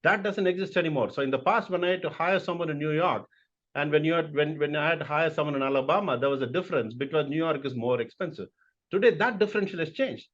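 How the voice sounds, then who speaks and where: A man's voice: on the high side, fast talker, a bit bright, highs cut off. A middle-aged man from India, a corporate executive answering interview questions in an emphatic, motivational way.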